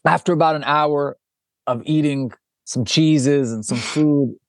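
Speaking at a measured pace in a voice on the high side, a man is interviewed about his work as a documentary director. He shares lively anecdotes, restarting often and performing quoted dialogue. The studio sound is clean, with no echo.

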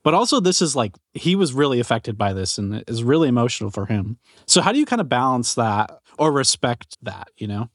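A man's voice: mid-range voice, big pitch swings, brisk, no echo, clean studio sound. A man hosting a podcast, asking a guest casual, curious questions. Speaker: podcast host. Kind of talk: interview questions.

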